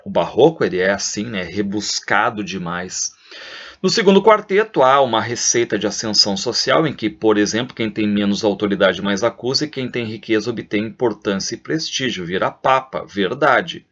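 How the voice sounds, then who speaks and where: A man's voice: lowish voice, lively intonation, normal speed, fairly bright tone. A man with a Brazilian Portuguese accent, a literature teacher going over exam answers in a video lesson, asking questions and answering them himself. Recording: dull lo-fi sound.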